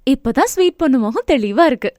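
Woman voicing a bright coaxing wife. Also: sits high, animated, brisk, no room sound, clean studio sound. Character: cheerful affectionate woman, adult wife.

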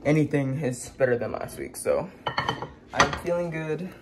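Speaking at an ordinary speed in a low voice, this young family vlogger sounds a bit nasal and stuffed up as she chats easily to her phone. The handheld footage moves between car, restaurant and home, with background noise throughout.

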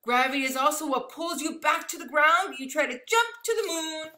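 A woman in her thirties with a high, bright, forceful voice reads a picture book aloud fairly quickly and expressively to young children, like a schoolteacher. She adds chatty asides directly to her listeners, and the recording, made indoors in a home living room, sounds echoey.

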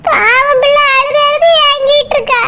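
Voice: very high-pitched, steady tone, moderate pace. A weepy village mother. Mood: tearful pleading. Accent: Tirunelveli Tamil. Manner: tearful, pleading, keeps saying "maini". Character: grieving middle-aged village woman, weepy and pleading. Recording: loud background noise.

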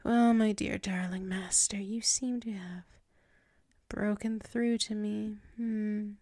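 A woman's steady, dark-toned mid-range voice carries this intimate ASMR roleplay of a flustered, submissive tsundere werewolf. She murmurs haltingly and frequently slips into whispers near a close mic, sounding hesitant and intimate. There's no echo.

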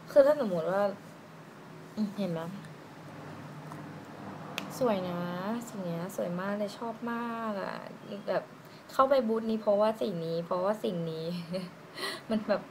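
A woman doing a casual lipstick swatch review, chatty and giggly, musing aloud with drawn-out fillers. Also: mid-range voice, expressive. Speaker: beauty vlogger. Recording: noisy room ambience.

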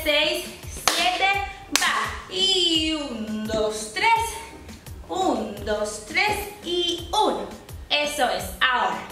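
A woman's voice: very high voice, bright, forceful tone. A young woman teaching a dance tutorial, upbeat and encouraging, counting the beats aloud and making sound effects for the steps. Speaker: dance instructor. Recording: very echoey room, mic far off.

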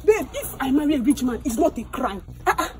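A woman scolding loudly and indignantly in a comedy skit. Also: sits high, sing-song, brisk. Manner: indignant, loud scolding with sharp swings. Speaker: comic actor.

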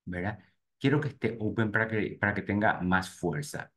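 A low-voiced man leads a live webinar for real estate agents. He speaks straight to his audience and narrates each click out loud as he works through the screens. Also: normal speed. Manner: talks to "gente" directly while clicking through screens, thinking aloud. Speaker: real estate marketing instructor.

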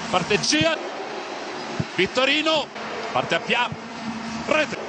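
A man commentating live on football in clipped phrases that rise into excited shouts. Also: extremely high pitch, drawn-out words. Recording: loud stadium crowd noise. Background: roaring football stadium crowd.

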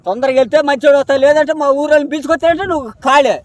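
A man with a Telugu accent, a villager caught in a street prank, refusing flatly, repeating himself and threatening the prankster. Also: very high-pitched, racing, crowd noise. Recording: loud background noise outdoors.

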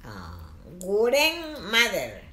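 Bright lively woman stumbling through English. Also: mid-range voice, extremely slow. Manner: confused, repeats words, laughs at herself. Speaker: show regular learning English. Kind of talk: casual comic chat.

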